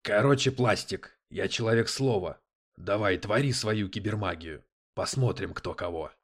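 A man voicing a brash male police detective who talks in crude slang, loud and sarcastic. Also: lowish voice, moderate pace. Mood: mocking.

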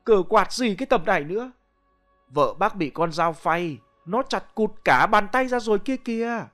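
A man's voice: sits high, expressive, normal speed, soft background music, pitched above the performer's own voice. Brief: man voicing a furious village man who bellows his news. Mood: shouting alarmed. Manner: yelling, scolding. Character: angry village man shouting alarming news.

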